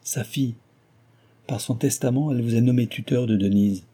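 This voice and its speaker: A man voicing a sorrowful actress who speaks softly about a friend's death. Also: mid-range voice, normal speed, husky, natural voice. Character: sorrowful actress, close friend of the dead mother.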